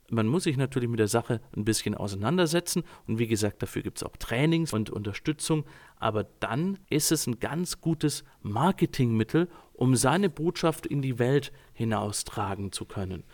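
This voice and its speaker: A man working as a communication coach, talking calmly and directly to his listeners, addressing them formally. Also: medium pitch, normal speed. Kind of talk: informal talk to listeners.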